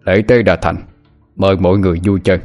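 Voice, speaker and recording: A stern old village grandfather who presides over river rites, as a storyteller puts him on. His voice sits low and firm, grave and commanding, with soft music drifting behind. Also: steady tone, quick pace, lightly acted. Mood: solemn. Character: elderly village grandfather, stern ritual master.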